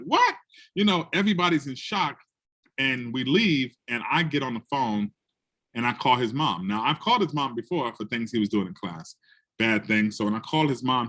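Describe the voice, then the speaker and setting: A man from the Bronx, an educator telling classroom stories in a conversation and acting out the people he quotes. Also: medium pitch. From the Bronx, New York. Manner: animated, acts out quotes in other voices. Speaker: educator and guest speaker. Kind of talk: storytelling in a conversation.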